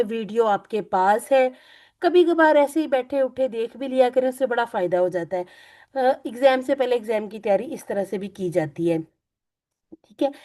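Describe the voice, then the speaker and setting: A woman teacher leading an online Quran and Arabic class, explaining gently and repeating points. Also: high voice. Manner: gentle, repetitive teaching with religious phrases. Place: online video call.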